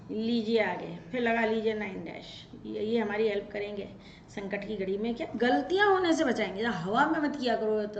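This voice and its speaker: A woman teacher runs a brisk, drilling grammar lesson, rattling off verb forms. Her voice sits fairly high. It sounds roomy and a little dull and lo-fi. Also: a little hiss or hum. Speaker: Sanskrit teacher.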